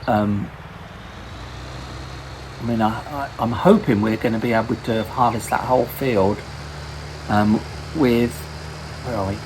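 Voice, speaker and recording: A man hosting his own gaming channel, giving relaxed gameplay commentary and often correcting himself mid-sentence. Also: fairly low pitch, a little slow, long pauses, background noise.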